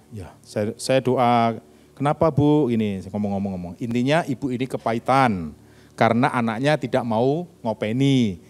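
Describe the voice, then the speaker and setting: An older man preaching a sermon in church, telling personal stories and acting out the dialogue in them. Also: mid-range voice. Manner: animated storytelling, acts out dialogue. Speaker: pastor.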